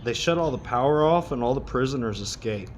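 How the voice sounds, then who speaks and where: A man in his thirties in a casual, heated rant, swearing often and pausing between thoughts. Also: medium pitch, expressive, a little hiss or hum. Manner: heated, swearing, with long pauses. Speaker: monologue speaker.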